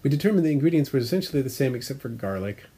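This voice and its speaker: This aquarium vlogger has a mid-range voice that's expressive, rapid-fire, mellow and slightly rough. He talks about his fish tanks in a loose, rambling way, full of fillers and self-corrections, sharing hobbyist detail as he explains.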